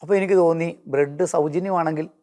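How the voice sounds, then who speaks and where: A man giving an earnest personal testimony in an interview, slowing down when he quotes hymn lines. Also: fairly high pitch, steady tone, warm tone.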